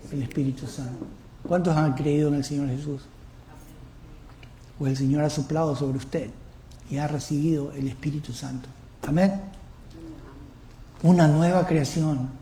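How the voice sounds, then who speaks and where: High, dark-toned preaching man. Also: reverberant. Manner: questions the congregation often. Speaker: pastor. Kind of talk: sermon.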